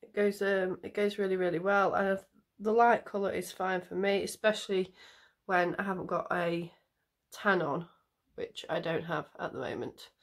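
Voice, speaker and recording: Her voice lowish and fairly even, moving at a moderate pace, a makeup vlogger who is a parent talks through her routine on camera. A cold leaves her nasal and bunged up, and the chat is rambling and full of ums.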